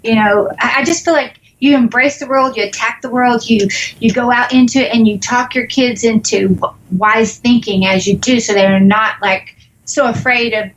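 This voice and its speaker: A woman's voice: a little high, fairly even intonation, normal speed, dull audio, slight background noise. A middle-aged woman as a podcast guest, talking casually with lots of fillers. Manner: chatty, filler-heavy. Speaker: interview guest. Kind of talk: casual interview chat.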